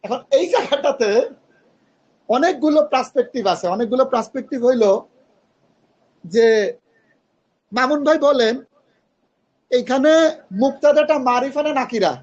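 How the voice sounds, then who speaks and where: A man's voice: extremely high pitch, moderate pace, long pauses, muffled recording. A man teaching Arabic grammar in an online class, patiently quizzing his students and mixing in English terms.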